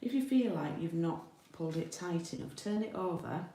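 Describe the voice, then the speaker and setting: Here the Yorkshire card-making host sounds mellow and on the low side, with lively intonation and a moderate pace. Her live craft tutorial is casual and chatty, full of thinking aloud as she works. The recording, made in an indoor room with a window, is roomy with a distant mic, faint noise, and clicks.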